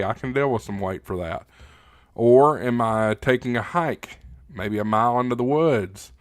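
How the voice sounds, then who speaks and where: A man with a mid-range voice hosts a casual live Q&A stream, reading out viewer comments and answering in a folksy, plain-spoken way. The sound is clean studio audio with no echo.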